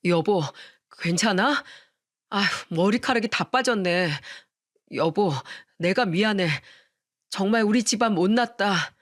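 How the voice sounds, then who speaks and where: A woman's voice: mid-range voice, a little slow, lightly acted. A woman voicing an earnest husband in a radio story, speaking firmly and pleadingly to his mother and his wife. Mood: tender, apologetic. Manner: firm and pleading, then tender.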